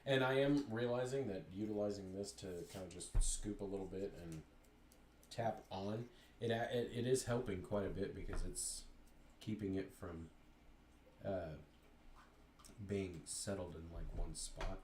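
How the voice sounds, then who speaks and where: Speaking a little slowly in a deep voice, a man demonstrates resin pouring on his crafting stream. He keeps the talk casual, thinking out loud as he works, and the room is echoey with steady noise throughout.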